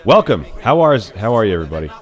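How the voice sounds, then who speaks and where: A New York man hosts a live music stream, reading viewer comments in a casual, rambling chat full of "uh"s and restarts. His voice sits fairly low and races along with big pitch swings. Loud recorded Irish music plays behind him throughout.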